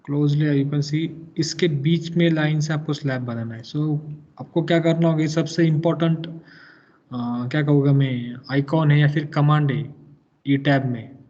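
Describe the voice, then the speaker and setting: A male engineering lecturer walks students through software commands, switching between Hindi and English and pressing the class for answers. His voice sits a little high. The recording is dull and lo-fi. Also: fairly even intonation, a little slow. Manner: patient, mixes English into Hindi, quizzes students.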